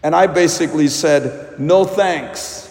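A man, a priest, reading the gospel and preaching a homily in a slow, measured way inside a large church. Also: fairly high pitch, a little mellow. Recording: long echoing church reverb.

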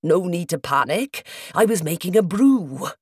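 A woman's voice: on the low side, very animated, measured pace, darkish tone, breathy edge, no echo, studio quality, exaggerated voice. Woman doing a cheeky young Welsh constable. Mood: easygoing. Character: fresh-faced young male Welsh constable, easygoing.

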